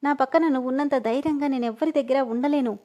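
A woman's voice: fast talker, mellow, close to an everyday voice. A woman voicing a pouting, emotional young wife. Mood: pleading. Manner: pleading and pouting, raises pitch when upset.

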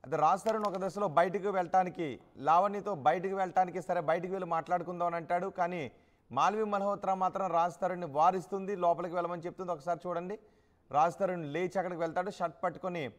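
A man narrating news footage as a voice-over, pointing viewers to the scenes shown and repeating names as he goes. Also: high voice.

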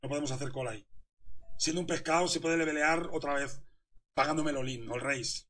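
A man's voice: a little high, a little fast, a bit bright. A young man, a poker coach commentating his hands live and teasing a viewer in chat.

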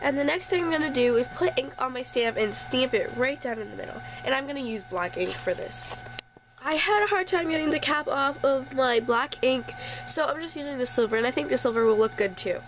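Speaking quite quickly in a high, lively voice, a woman with a blocked-up nose chats her way through a home craft tutorial, dropping apologetic asides as she goes. She's indoors at her craft table, with a faint sump pump hum behind her.

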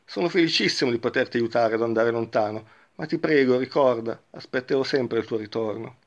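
A man's voice: medium pitch, brisk, dull audio, close to an everyday voice. A man voicing a loving, generous old tree as he reads a parable aloud, in a tender, pleading way. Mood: eager.

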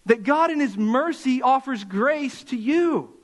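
A man with a high, light voice preaching to his congregation in a church sanctuary. He talks in an impassioned way and slows right down to press his points home. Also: lively intonation. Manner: impassioned preaching, slowing for emphasis. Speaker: pastor. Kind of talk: sermon.

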